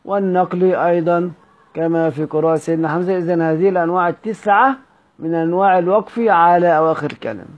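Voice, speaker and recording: A man's voice: high-pitched, steady tone, fast talker, highs cut off. A man with an Egyptian Arabic accent teaching recitation rules, repeating key words and quizzing his listeners with questions.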